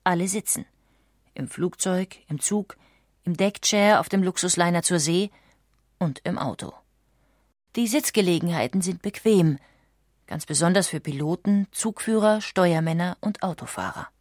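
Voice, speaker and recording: A woman audiobook narrator reads a documentary script in a lowish, darkish voice, measured and articulate. The recording is dry and close-miked, with almost no room sound and no echo.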